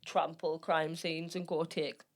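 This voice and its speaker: A woman with a slightly low voice co-hosts a podcast. She rambles through her points with constant fillers and the odd blunt swear word. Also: little pitch movement, unhurried. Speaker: podcast co-host. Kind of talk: casual chat.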